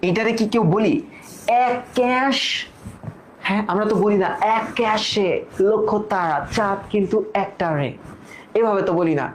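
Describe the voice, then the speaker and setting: A woman's voice: medium pitch, darkish tone, a little hiss or hum. Playful woman tutor stretching out words. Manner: joking, drawn-out example words; teasing rhetorical questions to students. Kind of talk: playful pronunciation lesson.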